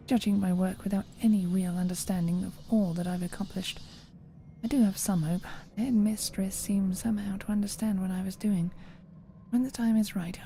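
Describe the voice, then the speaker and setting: Woman playing a secretive witch reading her journal, earnest and measured, very mellow dark tone, faint hiss behind. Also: mid-range voice, lightly acted. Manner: earnest, self-justifying, measured. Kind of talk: recorded game voice-over.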